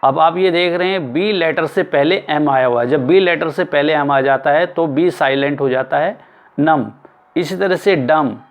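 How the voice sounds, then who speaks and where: A male teacher giving an explanatory lesson, spelling words out letter by letter and repeating them slowly. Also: fairly high pitch. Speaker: English teacher.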